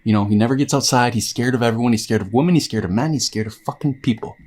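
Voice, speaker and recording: A man's voice: medium pitch, fast talker, darkish tone. A young man in his twenties delivers a comedic self-help rant about dating. His voice sits in an ordinary middle register. He swears freely and speaks in a pushy pep-talk manner. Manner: brash, profane, pep-talk tone. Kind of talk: comedic dating advice monologue.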